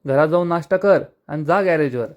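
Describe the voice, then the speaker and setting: A man reading the lines of a brisk, sensible young married woman in a slightly raised voice. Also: fairly high pitch, highs cut off, close to an everyday voice.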